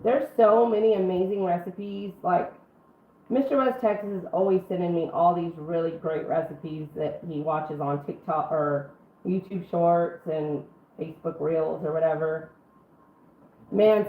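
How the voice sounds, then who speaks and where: A roomy, phone-like recording carries a middle-aged woman's slightly low voice. She sounds rough and under the weather, clearing her throat as she chats casually through a live cooking stream in her kitchen. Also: fairly even intonation, measured pace. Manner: folksy, chatty, addresses viewers by name. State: sick for two weeks, throat-clearing. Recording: roomy, band-limited phone-like stream, faint noise.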